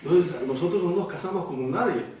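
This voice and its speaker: A man's voice: a little high, fairly quick, a little mellow, slight background noise. A man preaching a Bible study sermon, explaining the text at length and often checking in with rhetorical questions. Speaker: pastor. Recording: echoey room, mic far off.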